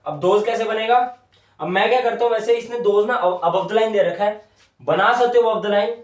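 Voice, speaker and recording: A man teaching shorthand at a whiteboard, stretching each word out slowly as he writes it, with said in a way inside his talk. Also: high-pitched. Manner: repeats each word slowly while writing. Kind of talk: whiteboard lesson. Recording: echoey room, mic at a distance.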